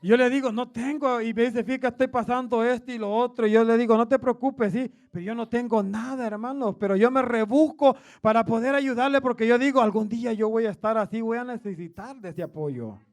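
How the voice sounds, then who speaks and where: Male preacher with a big, booming voice that sits very high, with some grit in it. Keeps calling the congregation "brother" in every line. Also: brisk, hardly any pauses. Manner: says "hermano" after nearly every phrase; loud, booming voice. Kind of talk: sermon.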